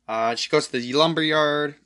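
Male solo podcast host, bright tone, rambling profane movie recap with frequent throat clearing. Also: on the high side, normal speed. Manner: rambling, profane, many fillers.

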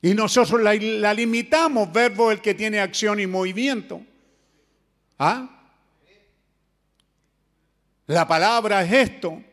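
A man preaching, with a notably high voice. He speaks earnestly and keeps turning to his listeners with rhetorical questions. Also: takes it slowly, pauses often, fairly bright tone. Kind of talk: sermon.

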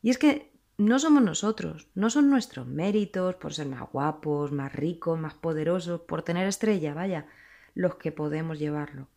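A woman delivers a sermon, earnest and reflective. Her voice sits low and has a gravelly, creaky edge. She pauses often and restarts her phrases as she thinks aloud. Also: warm tone. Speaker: preacher.

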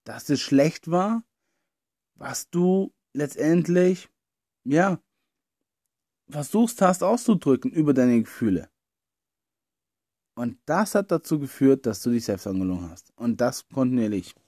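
A man's voice: mid-range voice, lively intonation, a little slow, long pauses, warm tone, no room sound, clean studio sound. A man giving an earnest self-help talk, speaking straight to the listener and dropping in many "ja" and "äh" fillers as he goes. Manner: earnest, talks straight to "you", frequent "ja" and "äh". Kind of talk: explanatory monologue addressing the listener.

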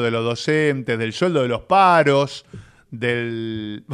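A man with a Rioplatense Spanish accent, hosting a radio show in chatty, animated talk full of filler tags. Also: fairly high pitch. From Argentina. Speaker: radio host. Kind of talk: casual radio chat. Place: radio studio.

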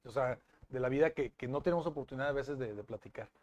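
A man, a TV news presenter being interviewed, telling stories in a lively way with many restarts. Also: medium pitch, quick pace, dry recording. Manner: animated storytelling with frequent restarts. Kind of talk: casual interview chat.

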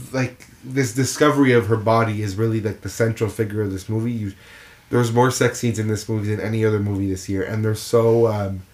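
Guy cohosting a movie podcast, mid pitch, animated, keeps laughing and acting out lines. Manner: animated, laughs often, acts out quotes. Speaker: podcast co-host. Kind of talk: casual movie chat.

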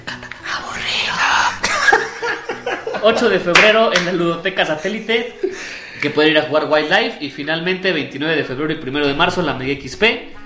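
A man's voice: a little high, expressive, a little fast, roomy sound. A Mexican man co-hosting a casual podcast, joking and bantering with his friends. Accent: Mexican Spanish. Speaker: podcast co-host. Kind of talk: casual chat.

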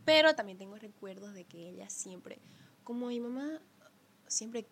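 Young woman, podcast guest, storyteller who slips into the voices of her relatives; mid-pitched, natural chat. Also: moderate pace, breathy edge. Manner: animated storyteller who acts out family members' voices. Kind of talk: casual conversation.

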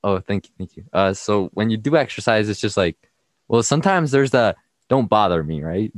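A teenage young man from Mexico guests on a casual podcast. His voice is very low, and he speaks in halting bursts with frequent restarts. The recording is dry and close. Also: animated, no room sound. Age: teens. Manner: hesitant, halting, laughs often. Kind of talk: casual interview chat.

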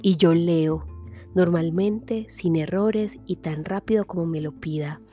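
A woman giving a soft, measured literary reading that sometimes drops to a whisper. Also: lowish voice, faint music behind. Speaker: reader.

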